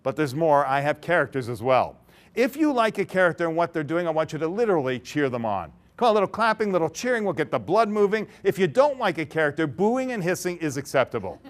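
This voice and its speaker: A high-pitched male speaker with a bouncy, swooping delivery tells a story on stage to a conference crowd. He acts out the characters as he goes and breaks into laughter. His tone stays playful and engaging. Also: sing-song, fast. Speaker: keynote speaker. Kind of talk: interactive storytelling talk to an audience. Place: large conference hall.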